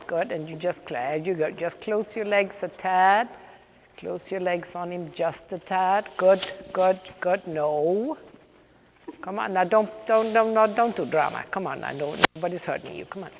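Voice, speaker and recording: A woman coaching riding live, calling out brisk, projected commands in short repeated phrases, with brief praise between them. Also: on the low side. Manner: directive, interspersed with brief praise. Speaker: riding clinician coaching horse and rider. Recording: echoey riding hall with background noise.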